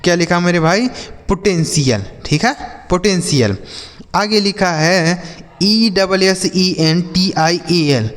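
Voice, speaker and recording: A man's voice: high-pitched, fairly even intonation, takes it slowly, fairly bright tone, long reverb tail. A man hosting a spoken English lesson, spelling words out letter by letter, repeating and quizzing his students, whom he calls children. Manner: addresses viewers as children and brother. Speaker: English teacher, channel host.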